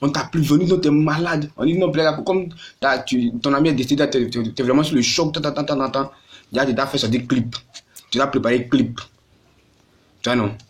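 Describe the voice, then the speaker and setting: A man's voice: medium pitch, fairly quick. A man delivering an impassioned vlog monologue, urging a grieving friend with repeated exhortations. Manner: repetitive, exhorting, rising and falling in bursts. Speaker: fan video host.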